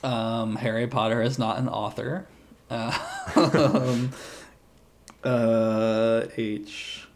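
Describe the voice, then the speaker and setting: A man's voice: mid-range voice, little pitch movement, drawn-out words, a little hiss or hum. A man co-hosting a podcast in casual chat, rambling and peppering his talk with "like". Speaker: podcast co-host.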